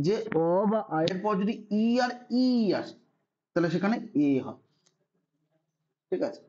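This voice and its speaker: A man's voice: high-pitched, a little mellow, dull audio. A man teaching a Sanskrit grammar lesson online, patiently spelling out rules and often checking that students follow. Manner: patient, repeats "ঠিক আছে" to check understanding.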